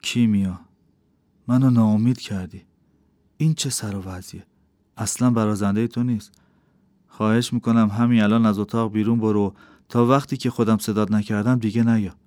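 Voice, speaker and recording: Stern cold mystic guy, low voice, scolding, as a male reader puts him on. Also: fairly even intonation, mellow, dry recording, close to an everyday voice. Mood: reproachful. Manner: cold, reproachful. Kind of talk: audiobook character voice.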